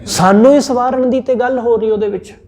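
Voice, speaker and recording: A man with a Punjabi accent giving a scripture sermon, teaching in a measured, repetitive way with everyday examples. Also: very high voice, fairly even intonation, a little mellow. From India. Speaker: Sikh scripture preacher. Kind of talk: sermon-style scripture exposition.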